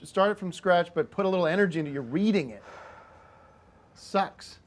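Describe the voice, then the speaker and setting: A man's voice: sits high, animated, brisk. A man hosting a comedic show, pushy and interrupting as he gives direction. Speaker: host.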